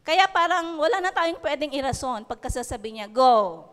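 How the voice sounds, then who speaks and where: A woman's voice: high-pitched, lively intonation, brisk, fairly bright tone, long reverb tail. A woman preacher with a Filipino accent gives a sermon, reading scripture and checking in with the congregation with "okay?" and "di ba?". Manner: punctuates with "okay?" and "di ba?".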